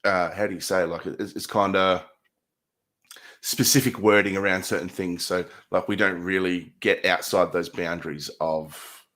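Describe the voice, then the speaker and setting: A man's voice: sits low, fairly even intonation, normal speed, fairly bright tone. A man with an Australian accent co-hosting a live stream, laid-back and joking, often trailing off mid-thought. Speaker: stream co-host. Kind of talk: casual live-stream chat.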